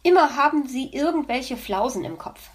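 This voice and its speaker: A woman's voice: high-pitched, lively intonation, normal speed, pitched above the performer's own voice. A woman voicing a busy, chatty mother hedgehog in a storybook, motherly and fond.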